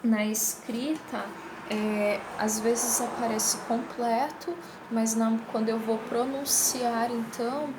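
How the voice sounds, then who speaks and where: Woman teacher, higher voice, patient explainer, recorded in an echoey room. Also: fairly even intonation. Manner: explains step by step, checking in with "tá?"; slows down to read example lines aloud. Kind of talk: recorded online class. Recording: echoey room with faint hiss.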